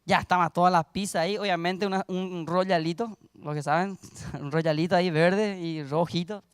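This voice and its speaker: A young man preaches a sermon in a very high voice. He moves from storytelling to forceful, rising exhortation. The sound is close and dry. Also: fairly even intonation, moderate pace, clean tone, no echo. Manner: storytelling, builds to loud exhortation.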